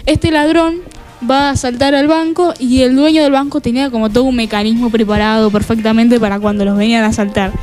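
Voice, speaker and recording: Woman host, high voice, animated storyteller, faint music under. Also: quick pace. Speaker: podcast host. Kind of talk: casual podcast chat.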